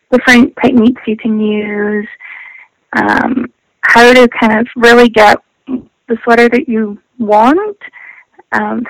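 A woman's voice: fairly high pitch, gravelly, no room sound. A woman guest heard over an internet phone call, talking casually and hesitantly with many ums and restarts. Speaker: guest knitwear designer.

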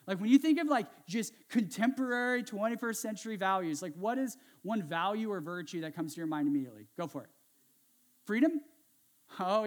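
A pastor giving a casual, conversational sermon, asking the congregation questions and adding sarcastic, self-mocking asides. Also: medium pitch.

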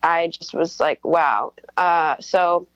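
A young woman comes through on a telephone line, the sound muffled and dry with no room around it. Her voice sits fairly low for a woman. She answers interview questions in a chatty, quick way, scattering fillers as she goes. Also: fairly bright tone, no echo. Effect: heard over the phone. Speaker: guest musician.

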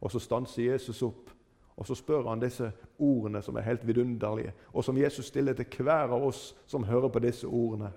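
A man's voice: steady tone, creaky. A man preaching a sermon, retelling stories with dramatic rises and falls in his voice. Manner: dramatic retelling with wide swings in pitch and loudness.

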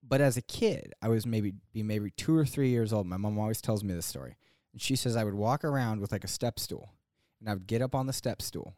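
A man hosting a podcast, telling animated stories and acting out quotes in casual chat. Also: lowish voice, fairly quick, no echo, studio quality. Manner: animated storyteller, acts out quotes and shouts punchlines. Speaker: podcast host and stand-up comic.

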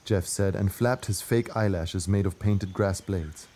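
A man's voice: sits low, a little slow, warm tone. A man narrating a scripted children's adventure story.

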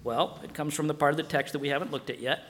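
A man preaching a sermon as pastor in an animated way, acting out dialogue. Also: a little high, quick pace, big-room sound, a little hiss or hum.

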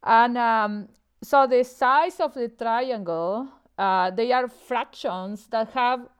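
A woman from Argentina guesting on a podcast as a math professor. She explains step by step, pausing on fillers. Her voice is smooth and clear, sitting fairly high. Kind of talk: podcast interview.

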